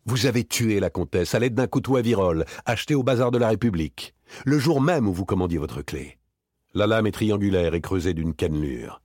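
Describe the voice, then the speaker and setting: A man's voice: fairly low pitch, expressive, a little fast, darkish tone, dry recording, clean studio sound. A man voicing a cold, relentless former police inspector, talking dryly, hard and with precision. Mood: accusing.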